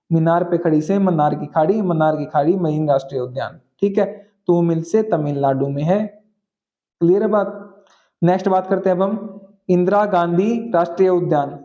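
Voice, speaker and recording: A man teaching general-knowledge memory tricks, repeating key phrases slowly and often checking that students follow. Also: sits high, mellow, highs cut off. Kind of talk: exam-prep lesson with memory tricks.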